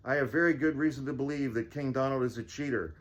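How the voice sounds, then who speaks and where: A man's voice: medium pitch, quick pace, lightly acted. A man voicing a shifty, scheming knight in a sly, theatrical fireside storytelling read. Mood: commanding. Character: shifty, scheming male knight spreading secrets.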